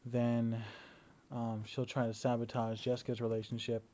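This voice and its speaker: At a moderate pace and in a mid-range voice, a young man lying down indoors at home records a casual video diary on a battery-powered camera. He sounds relaxed, though hesitant, repeatedly using fillers and restarting.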